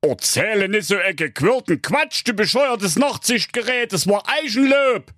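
A whiny big bad wolf, as a male storyteller puts him on, drawling slowly in a high, wobbly voice full of self-pity. He sounds tearful and drags out his words. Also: big pitch swings, no echo, studio quality. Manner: slow, whining and tearful.

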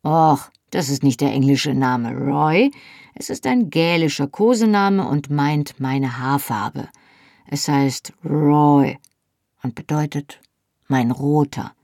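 A woman voicing a young Scottish Highland husband, dry and practical, in a lowered, matter-of-fact tone. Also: expressive, slow, gravelly, darkish tone, no echo, full character voice. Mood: explaining.

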